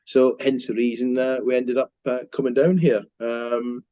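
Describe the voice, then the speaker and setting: The speaker, a company director and mortgage broker in his fifties from Scotland, describes his career path in a casual business interview. His voice is medium-pitched, level, and dark, at a moderate pace, and he hesitates a lot, filling gaps with ums and restarting sentences. The audio is dry, with the highs cut off.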